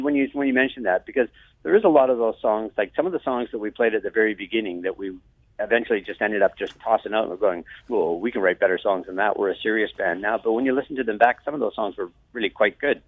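A man's voice: lowish voice, fast, dry recording. Man on a crackly, breaking-up phone line. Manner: relaxed and hesitant, with many fillers. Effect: bad phone connection, breaking up. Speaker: musician guest on the phone. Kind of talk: casual interview chat.

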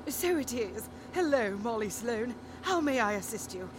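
A woman's voice: fairly high pitch, expressive, normal speed, noisy background, lightly acted. A woman playing a polite automated spaceship guide, formal in manner, in a sci-fi radio drama. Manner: formal, courteous, automated-sounding.

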